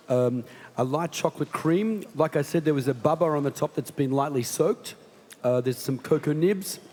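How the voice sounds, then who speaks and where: A man's voice: medium pitch, darkish tone. A man giving expert tasting comments, descriptive and often repeating words. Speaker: pastry expert guest. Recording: long hall reverb.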